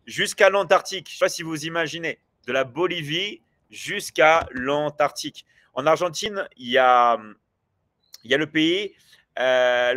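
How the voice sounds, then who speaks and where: A man's voice: fairly high pitch, fairly bright tone. A man in his forties hosting a casual livestream, chatting loosely with viewers and rambling with many hesitations and restarts. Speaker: livestream host.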